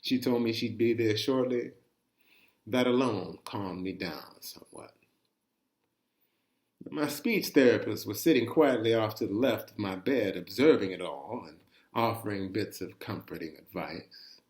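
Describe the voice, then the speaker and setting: Reading a first-person chronicle in a lowish voice, this male storyteller takes a dramatic approach. His delivery is chatty and expressive, and he puts deliberate weight on how he phrases things.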